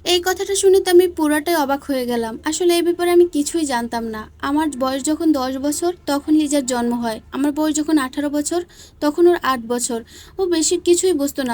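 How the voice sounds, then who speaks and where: A woman narrating a dramatic first-person family story in a steady, even reading voice. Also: high-pitched, moderate pace.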